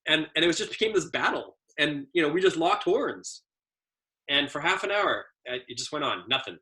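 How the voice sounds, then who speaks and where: A man's voice: on the high side, animated, brisk, pushed and bright. A man, an adaptive ski instructor trainer, giving a casual training presentation as an easygoing storyteller with many fillers.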